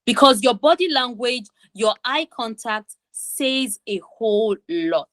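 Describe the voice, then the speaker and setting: Woman, teen confidence coach, higher voice, emphatic and repetitive, dry sound. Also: lively intonation, slow pace, fairly bright tone, no room sound. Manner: repeats for emphasis, acts out kids' voices. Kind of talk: online class teaching.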